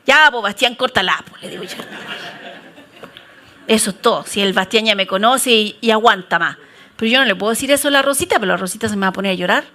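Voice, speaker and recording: A woman's voice: medium pitch, quick pace, long pauses. A woman pastor with a Chilean accent, telling stories in a sermon and joking with the congregation. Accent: Chilean Spanish. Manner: lively, joking storyteller.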